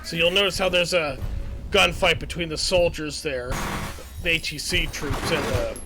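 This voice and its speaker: A man talking through a video game walkthrough in a relaxed, chatty way, often amused by what he sees. His voice sits a bit on the high side. Game music plays clearly underneath his voice. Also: moderate pace. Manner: casual, chatty, chuckling at the game. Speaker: gaming channel host. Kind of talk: let's play commentary.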